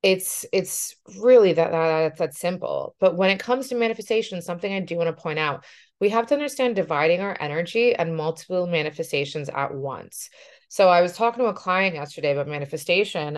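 A woman life coach talking through a casual podcast monologue in an earnest way, often checking in with "right?". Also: fairly low pitch.

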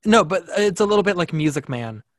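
A man's voice: high-pitched, animated, brisk, dry recording, clean studio sound. A man guesting on a casual film podcast, talking in an easygoing, thoughtful way with small stumbles.

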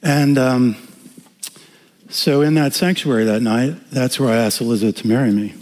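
A man in his sixties, a pastor preaching a sermon and telling personal stories with animated humor. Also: mid-range voice, moderate pace. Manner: animated storytelling, acting out dialogue with humor. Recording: reverberant hall.

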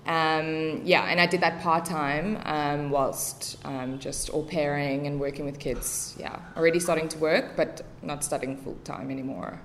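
A young woman with a South African accent, talking easily as a podcast guest. Her voice sits a little low for a woman and fills pauses often. A faint hiss of noise stays behind her. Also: steady tone, a bit bright. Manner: chatty, many fillers. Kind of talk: casual podcast interview.

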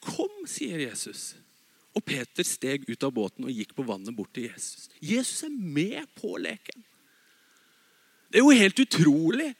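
Animated male preacher, high voice. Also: vocal fry, husky, dry recording. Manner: lively, swinging between loud emphasis and soft low asides. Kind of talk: sermon.

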